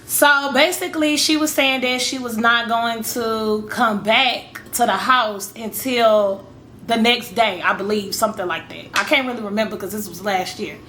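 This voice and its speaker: Bright-voiced chatty woman telling a story. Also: a little high, moderate pace, a little hiss or hum. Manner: chatty, rambling, addresses viewers as y'all, acts out her own reactions. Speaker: storytime vlogger. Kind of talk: casual storytelling to camera.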